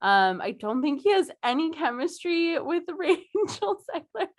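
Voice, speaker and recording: A young woman with a very high, very animated voice co-hosts a podcast at an unhurried pace. She chats casually, giggling through her words and using plenty of fillers.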